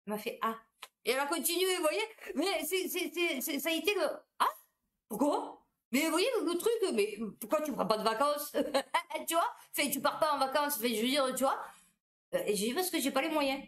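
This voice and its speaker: A woman, a supermarket cashier, telling anecdotes in a casual, animated monologue. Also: high voice, fairly quick, slight background noise.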